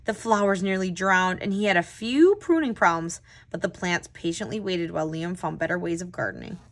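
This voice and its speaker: A woman hosting a children's read-aloud as a tutor, telling the story with clear, expressive phrasing. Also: fairly low pitch, brisk.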